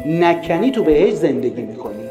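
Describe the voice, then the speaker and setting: Animated man lecturing with rhetorical questions. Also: fairly high pitch. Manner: asks many rhetorical questions. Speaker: religious parenting speaker. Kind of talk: lively lecture retelling a story. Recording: roomy echo with faint music.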